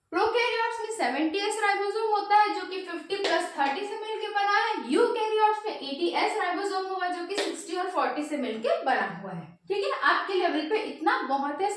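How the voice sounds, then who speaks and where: A woman's voice: very high-pitched, fairly bright tone. A woman teaching biology for exam prep, asking questions and answering them herself. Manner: repeats "ठीक है" often. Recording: very echoey room.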